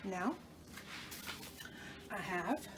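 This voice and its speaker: Speaking extremely slowly yet animatedly in a medium-pitched voice, a cooking channel host demonstrates a recipe at home. She chats to her viewers as she works, correcting herself often, and sounds slightly congested from a cold, with noise in the background.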